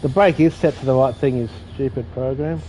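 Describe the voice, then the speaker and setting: Playing a train driving game, this male streamer gives loose, casual commentary, mocking himself and cursing a little as he rambles. He speaks fairly quickly in a mellow, mid-range voice. Faint game sounds come through a dull, lo-fi recording.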